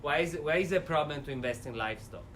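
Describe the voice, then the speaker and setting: A thick Italian accent marks this man's energetic seminar talk, in which he addresses the audience directly as part of an interactive lecture in a university seminar room. He stands away from the recorder with no mic, so his fairly high, racing voice comes across distant over faint room noise.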